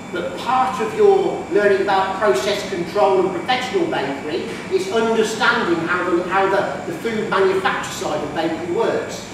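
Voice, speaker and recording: A middle-aged man giving a guided tour of a bakery as instructor, explaining the equipment with fillers and restarts. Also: high voice. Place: large industrial bakery kitchen, indoors. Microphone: camera mic from a distance. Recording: echoey kitchen, distant mic, noisy.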